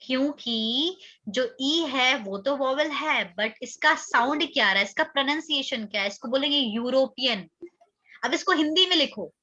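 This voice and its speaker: A woman's voice: high-pitched, animated, normal speed, pushed and bright, highs cut off. A woman teaching an English grammar lesson, questioning her students and repeating their answers.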